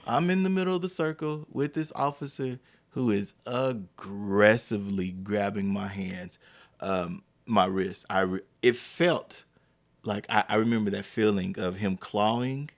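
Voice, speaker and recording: A podcast host with a lowish voice, speaking a little slowly, tells a personal story. He's animated throughout and acts out the quotes.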